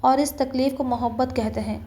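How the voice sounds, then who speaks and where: A woman's voice: high voice, steady tone, warm tone, lightly acted. A woman voicing a persistent, lovestruck young man who teases and coaxes playfully. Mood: teasing. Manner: playful, coaxing pleading.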